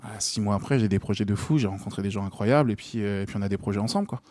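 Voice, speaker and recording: A man's voice: fairly low pitch, racing, a little mellow, no echo. A young man from Normandy chatting casually as a podcast guest, enthusiastic and full of fillers and restarts. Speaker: guest comedian and comedy club organiser.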